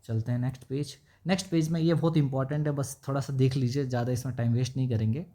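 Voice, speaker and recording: A man giving a casual, unhurried stock analysis, mixing Hindi with English terms and often checking in with the listener while reading figures off a screen. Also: medium pitch, steady tone, mellow. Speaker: stock market YouTuber.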